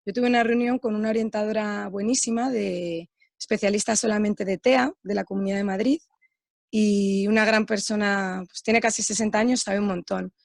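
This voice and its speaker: A woman, a teacher, making an earnest, measured comment during an online workshop. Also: medium pitch, steady tone, gravelly, dry recording, clean studio sound.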